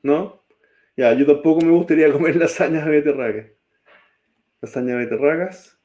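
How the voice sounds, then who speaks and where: During a live-coding class, a man teaches programming, typing code while he speaks and frequently checking that students are keeping up. His voice is on the high side with a darkish tone, at a normal speed.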